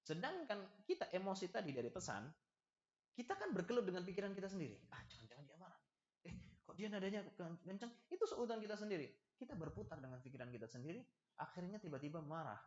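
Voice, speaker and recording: Male preacher for a lecture: animated, joking, acts out small dialogues; slightly high voice, echoey muffled room. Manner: lively, acts out little dialogues and jokes with the audience. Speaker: preacher giving a study lesson. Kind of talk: religious study lecture. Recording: echoey, slightly dull hall recording.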